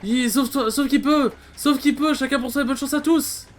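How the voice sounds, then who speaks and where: A man voicing a pompous, cowardly nobleman captain in a video game, stammering and shrill when he is scared. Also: a little fast, soft background music, natural voice. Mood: panicked.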